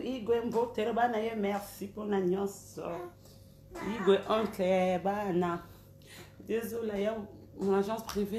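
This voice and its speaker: A woman's voice: medium pitch, dark tone, a little hiss or hum. A woman, hosting a casual live stream and calling out viewers' names one by one. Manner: chatty, calls out names one by one. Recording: roomy echo, faint background ambience.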